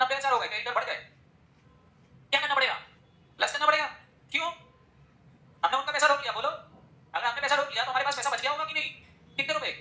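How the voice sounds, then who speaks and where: A male accounting teacher lectures his class at a brisk pace, constantly firing rapid questions at students. His very high-pitched voice sounds bright and forceful, and the room is noticeably echoey.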